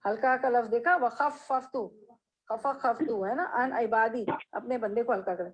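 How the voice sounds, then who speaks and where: A woman teaching a hadith lesson. She reads Arabic phrases slowly, explains them, and asks her listeners questions. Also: on the high side, husky, poor audio. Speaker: religious teacher.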